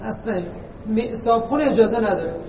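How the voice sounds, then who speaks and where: A man delivers an informal religious lesson in a conversational, teasing way, full of rhetorical questions. His voice sits unusually high. The recording comes from far off in a long-echoing hall, with a faint hiss underneath. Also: dark tone. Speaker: preacher. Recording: echoey hall, distant mic, faint noise.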